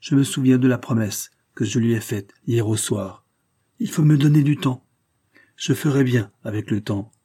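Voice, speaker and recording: Male reader as a sincere young countryman, steady, warm and husky. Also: mid-range voice.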